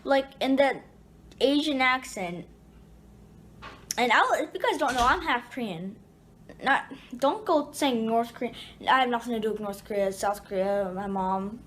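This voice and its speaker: A woman's voice: fairly high pitch, normal speed, a bit bright, a little hiss or hum. A woman casually telling a personal story to her viewers, rambling with restarts and fillers.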